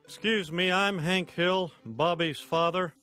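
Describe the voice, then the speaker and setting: A man's voice: high-pitched, steady tone, measured pace, bright, forceful tone, faint music behind. A man voicing a stiff, proper middle-aged cartoon father who speaks formally and a bit awkwardly.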